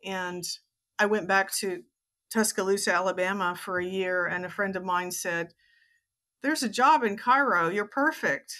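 An author and teacher from Texas, this woman in her sixties has an American accent and a mid-range voice that sounds pushed and bright. She chats conversationally at a moderate pace as an interview guest on a podcast.

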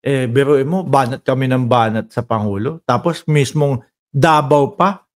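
A man's voice: medium pitch, unhurried. A man doing casual political commentary, reading viewer comments in a mocking, teasing way and firing off rhetorical questions.

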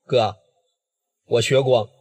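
A frightened young man from the Northeast, pleading, as a male storyteller puts him on. Low, husky and shaky, with Northeastern Mandarin speech. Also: fairly even intonation, takes it slowly, a little mellow. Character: timid young man, beaten and scared.

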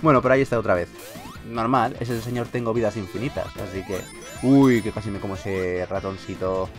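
A gaming video host with a Peninsular Spanish accent gives casual, joking Let's Play commentary with some mild swearing, over video game music. His voice is lowish and he talks fairly quickly.

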